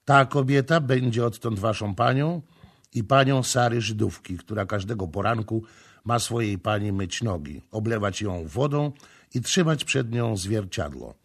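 A man voicing a young prince who gives cold, measured orders in an audiobook. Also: fairly low pitch, slightly rough. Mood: cold commanding. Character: young male prince, commanding and coldly vengeful. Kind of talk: audiobook character reading.

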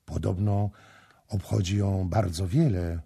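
A man's voice: low voice, steady tone, a little slow, gravelly, mellow, breathy edge, full character voice. A man reading the part of a young priestess in an audiobook, tearful and pleading.

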